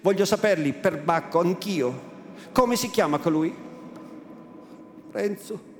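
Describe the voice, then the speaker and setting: Renzo, angry young villager, as a reader puts him on. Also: male voice, takes it slowly, slight background noise. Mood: angry demanding. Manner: forceful, low, demanding. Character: young angry village man, threatening, stubborn. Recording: echoey room, faint ambience.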